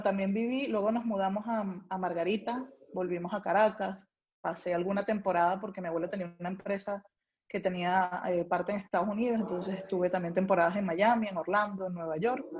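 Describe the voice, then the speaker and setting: Speaking with a darkish, mid-range tone, this food writer is a young adult woman from Venezuela with a Venezuelan Spanish accent. She's a guest in a relaxed interview, talking about her life, and the audio has its highs cut off.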